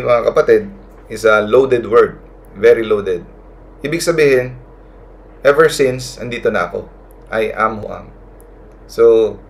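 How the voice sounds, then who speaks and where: A man's voice: mid-range voice, vocal fry. A man giving a retreat talk, mixing Tagalog and English and often checking in with a questioning "no?". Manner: keeps adding a questioning "no?" to check the listeners follow; addresses listeners as brothers and sisters. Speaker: retreat speaker.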